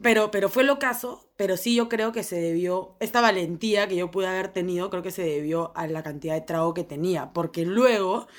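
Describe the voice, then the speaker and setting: A woman's voice: lowish voice, fairly quick, hardly any pauses. A young woman with a Peruvian Spanish accent, a podcast co-host telling a personal story in a rambling, slangy way full of fillers. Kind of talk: casual storytelling chat.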